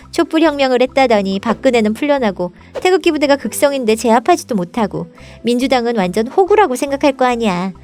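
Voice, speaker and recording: In a storybook parody of scripted political satire, a woman performs a high, bright-spirited princess voice arguing politics. Sharp-tongued and indignant, she scolds with emphatic rhetorical questions while faint music plays behind her.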